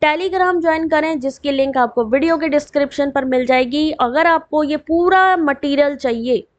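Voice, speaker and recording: Reading full forms slowly in an online exam revision class, a woman with a voice that sits high breaks off for quick, chatty remarks to her students. She has a dry throat, and the audio is dull.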